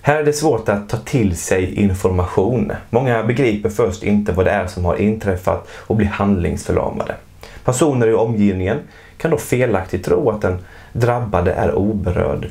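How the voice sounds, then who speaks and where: A man with a somewhat low voice narrates an educational explainer in a calm, measured way. His delivery is scripted and informative, recorded as a close voice-over.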